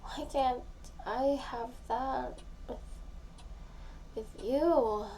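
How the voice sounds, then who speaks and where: In an intimate audio roleplay, a woman plays a tipsy, lovesick young woman confessing to her best friend, soft and breathy, halting and often near a whisper. Her high voice sounds wistful and heartbroken. The audio is poor, with faint background noise.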